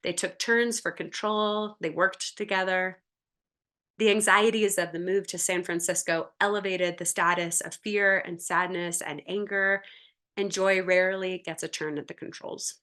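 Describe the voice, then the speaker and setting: Woman, sermon, storytelling, bright tone, church service. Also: fairly low pitch, fairly even intonation, a little slow. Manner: storytelling, retelling a film scene with short voiced quotes. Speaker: lay speaker giving the sermon. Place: church sanctuary during a service.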